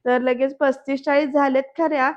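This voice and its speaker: A woman's voice: high-pitched, little pitch movement, brisk, highs cut off. A woman giving a voice-over recap of a serial episode, telling the story scene by scene and often speaking straight to the viewers. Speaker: serial reviewer.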